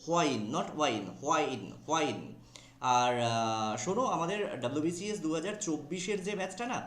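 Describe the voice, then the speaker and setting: A Bengali-accented man teaches an online exam class in a slightly high voice. He stretches out English words and spells them letter by letter. The sound carries a roomy echo. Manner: drawls key English words slowly, spells them out letter by letter, asks "ঠিক আছে?" often.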